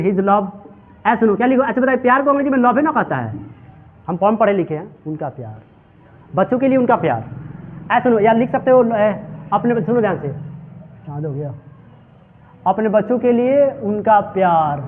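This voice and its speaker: High-voiced man teaching, tinny sound. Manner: drills students with repeated questions; mixes Hindi and English. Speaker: English teacher. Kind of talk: classroom translation lesson.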